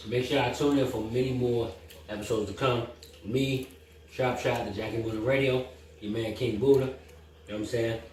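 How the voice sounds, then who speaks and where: A man's voice: medium pitch, steady tone, normal speed, slight background noise. A laid-back man hosting a home cooking show, chatting casually and chuckling in his kitchen. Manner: laid-back, chuckling, talks with mouth full while tasting. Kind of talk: casual chat. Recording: echoey room from a distance.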